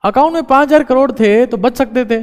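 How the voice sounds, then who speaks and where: Fairly quick and smooth, this man's very high voice carries a motivational talk full of exhortation and repeated key phrases, with English mixed in. The recording has a long, reverberant echo.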